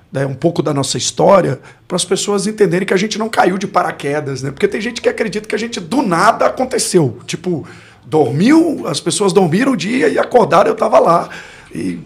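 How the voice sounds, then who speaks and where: Speaking with a Brazilian Portuguese accent, this pastor in his forties recounts his life story as a podcast guest, reflective and frequently hunting for words. His high-pitched voice is animated, a little fast, creaky and slightly rough.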